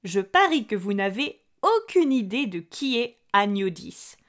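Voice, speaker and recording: A woman hosting a podcast lesson for learners, speaking clearly and addressing her listeners directly in a friendly, articulate way. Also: mid-range voice, sing-song, unhurried. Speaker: podcast host teaching French.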